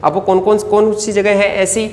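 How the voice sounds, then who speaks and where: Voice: mid-range voice, level tone, moderate pace, darkish tone. A grammar teacher works through an exam-prep lecture, firing off rhetorical questions and answering them at once while stretching important words. The voice rings around a bare room with a long reverb tail. A faint hum of ambience sits underneath.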